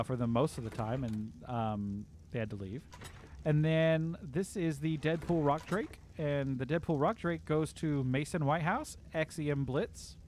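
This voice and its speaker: A livestream host with a fairly high voice chats upbeat from home during a casual game stream, reading viewer comments out loud. A little hiss or hum can be heard.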